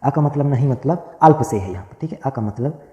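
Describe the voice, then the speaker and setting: A man with a mellow, dark voice teaches a grammar class, saying each phrase several times as he dictates notes. He keeps asking his own questions and answering them. The sound is roomy, with a long, echoing tail. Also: mid-range voice, expressive, a little fast, lo-fi sound. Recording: echoey room with long reverb.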